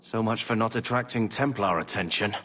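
An actor playing a wry, grumbling adventurer companion in a video game, dry and sardonic. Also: male voice, lowish voice, fairly quick, a bit bright, a little hiss or hum, close to an everyday voice.

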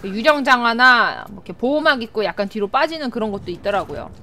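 Excitable high-voiced woman streaming a game. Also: quick pace. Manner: excitable, yelps and laughs at plays. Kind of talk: live gameplay commentary.

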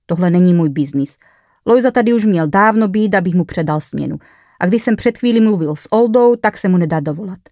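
A woman's voice: fairly low pitch, animated, warm tone, no echo, clean studio sound. A woman voicing a grumpy young male coworker in a hurry to leave, who speaks in a curt, dismissive way.

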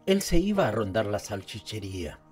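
Mellow man narrating an audiobook. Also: lowish voice, sing-song, moderate pace, slightly rough, faint music behind. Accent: Latin American Spanish. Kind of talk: scripted narration.

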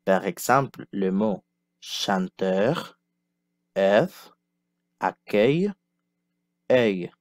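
A man teaching pronunciation who models each sound and word slowly and clearly so learners can repeat after him. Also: lowish voice, expressive, no echo. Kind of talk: slow, carefully enunciated pronunciation lesson.

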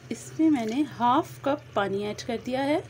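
Speaking at a normal speed in a voice on the high side, a woman hosts her cooking channel and goes through a recipe step by step. Her manner is friendly; she addresses viewers directly and uses some English words. Sizzling and frying from a pan fill the noisy phone recording made in her home kitchen.

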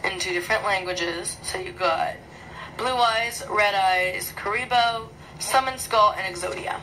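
A woman chatting casually through an unboxing vlog in her small bedroom, excitable and rambling, recorded on a phone camera. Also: mid-range voice, a little slow, slight background noise, rough recording. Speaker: vlogger.

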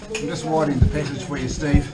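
A man, a caver chatting casually and making wry remarks while exploring deep underground. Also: level tone, fast. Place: deep inside a rock cave. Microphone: action camera carried in the cave. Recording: echoey cave, far from mic, loud noise.

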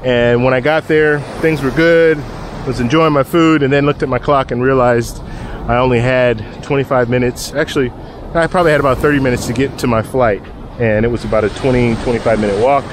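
A man's voice: mid-range voice, fairly even intonation, fairly quick, slight background noise. A middle-aged man vlogging about travel in a casual, rambling way, filming himself at arm's length on an outdoor beach. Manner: chatty, rambling with many restarts. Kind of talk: casual selfie vlog. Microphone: phone camera at arm's length.

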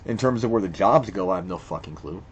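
Fast and expressive, this low, slightly rough male voice has its highs cut off. He's a video creator doing a screen-recording voice-over, reading quiz questions aloud and reacting with profane bluntness, stammering and restarting as he thinks aloud.

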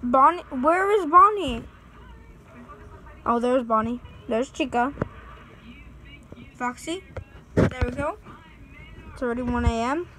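Scared gamer girl talking slow over her game, high voice, faint noise behind. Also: pushed and bright, rough recording. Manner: jittery, scared, pleading with fans. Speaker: gaming channel host. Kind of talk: let's play commentary.

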